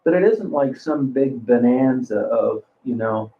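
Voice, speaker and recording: This livestream host, a man in his sixties, has a creaky, medium-pitched voice that is animated yet a bit slow. Reading chat, he rambles, swears often, and restarts his thoughts. A faint hiss or hum sits under the narrow, phone-like audio.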